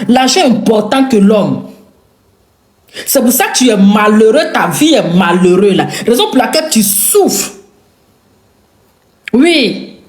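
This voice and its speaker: A woman with an Ivorian French accent giving a confrontational rant to camera. She repeats her lines for emphasis and throws insults. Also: a little high. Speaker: online commentator. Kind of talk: angry direct-to-camera rant. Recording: echoey room.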